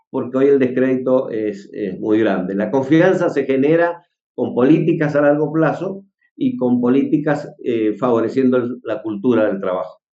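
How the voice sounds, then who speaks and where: A mellow-voiced man speaks in a measured, earnest tone as an interview guest. His audio is dull and roomy, as if coming through a remote call. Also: mid-range voice. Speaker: agricultural sector leader, guest. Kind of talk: interview answer.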